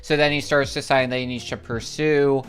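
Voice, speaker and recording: An excitable livestream host rambles through a long story in casual chat, using a mid-range voice at a fairly quick pace. He fills it with filler words and keeps exclaiming "it's crazy."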